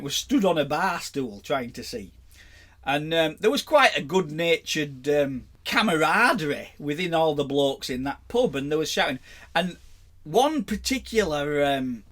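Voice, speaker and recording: A podcast co-host from England with a Yorkshire accent chats casually and tells pub anecdotes, laughing often. His voice is fairly high, sing-song and a bit bright, and he speaks a little slowly.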